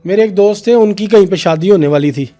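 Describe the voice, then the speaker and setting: A young man, a podcast guest telling an animated story about a paranormal case. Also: sits high, quick pace, soft background music. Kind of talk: casual storytelling in a podcast interview.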